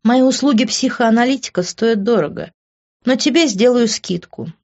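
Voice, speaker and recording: A woman's voice: on the high side, normal speed, a little mellow, muffled recording, voice pushed up. A woman voicing a blunt, sarcastic young woman who bosses and mocks her friend. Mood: mocking. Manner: mocking, bossy.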